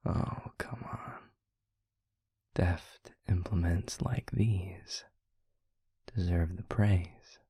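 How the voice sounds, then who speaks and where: In an intimate audio roleplay, a man plays a tender demon lover, murmuring very slowly and close to the mic in a dry space with no room sound. His deep, mellow whisper is breathy and very husky, with fairly even intonation, and his eloquent, florid phrasing comes out slow and deliberate. It's a full character voice, wry and devoted, teasing and admiring.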